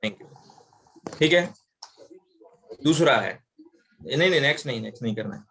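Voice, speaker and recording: A man's voice: medium pitch, expressive, a little slow, creaky, pushed and bright. Male English teacher, patient explainer who drills examples aloud. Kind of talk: online class lesson.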